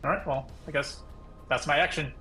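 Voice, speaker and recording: A man's voice: on the high side, fairly even intonation, normal speed, sharp tone. A man talking casually as a player in a tabletop game, tentatively thinking aloud. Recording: music behind the voice.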